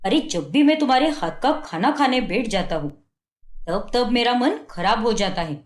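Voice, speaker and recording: A woman's voice: on the high side, animated, moderate pace, close to an everyday voice. Cartoon husband, young and scornful, always finding fault, played by a woman; echoey room. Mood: scolding. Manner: scolding, belittling. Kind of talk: cartoon story voice acting.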